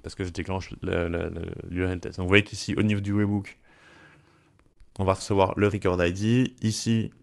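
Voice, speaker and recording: A man walking viewers through a software tutorial in a chatty, direct way. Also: sits low, level tone, moderate pace, gravelly. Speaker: tutorial creator. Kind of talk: screen-share software tutorial.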